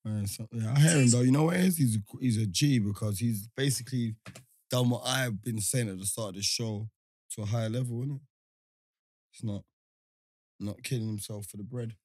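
Here a man with a mid-range, slightly mellow voice talks a little fast, hosting a podcast in London roadman street slang. He tells stories through loose, casual banter full of tag questions, captured in a dry, clean studio recording.

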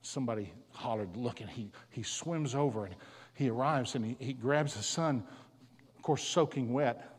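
A man giving a storytelling sermon as a guest speaker at a school, telling the story dramatically and sometimes dropping to a hushed voice. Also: mid-range voice, moderate pace, slightly rough. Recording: long hall reverb.

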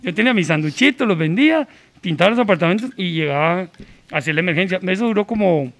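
A man from Colombia with an accent blended with Costa Rican speech, telling stories as a podcast guest in an animated, slangy way. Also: high-pitched, fast. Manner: animated, slangy, acts out dialogue. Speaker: podcast guest, radio announcer. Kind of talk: casual storytelling.

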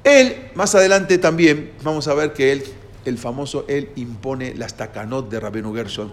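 A man's voice: mid-range voice, fairly bright tone. A man teaching a lesson, explaining step by step and checking with his listeners as he goes. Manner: explanatory, asks the listeners "¿no?" and "¿sí?" often, with hesitations. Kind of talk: lecture to a class.

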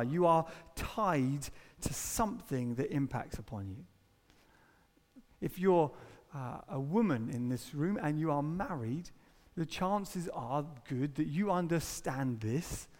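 A man preaching a sermon, talking in a conversational way with rhetorical questions and quick asides. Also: fairly high pitch, animated. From Britain. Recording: long hall reverb.

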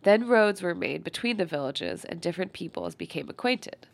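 A woman with a stuffy nose reading an old textbook aloud in a quiet, unhurried way and pausing to comment on it. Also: fairly low pitch, animated, vocal fry, dry recording. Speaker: reader.

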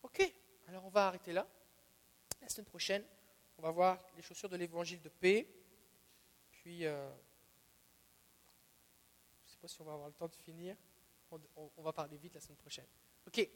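A man with a Quebec French accent teaching a Bible sermon as a preacher, emphatic and repeating his key phrases, swinging between soft asides and loud declarations. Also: high voice, fairly even intonation, normal speed, long pauses, long reverb tail.

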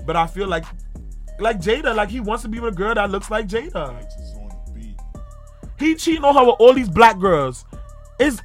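A man's voice: sits high, lively intonation, moderate pace, long pauses, soft background music. A man co-hosting a casual chat show, gossiping about reality TV in a playful, teasing way. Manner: playful, teasing, breaks into song and impressions. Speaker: co-host.

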